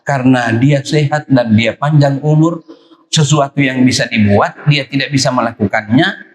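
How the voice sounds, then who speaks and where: A man of middle pitch gives a dawn sermon in a mosque, pressing his points by repeating short phrases. His voice rings through a large, echoey hall with a long reverb tail. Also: normal speed. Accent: Indonesian. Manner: emphatic, repeats phrases, acts out quoted voices. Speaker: preacher.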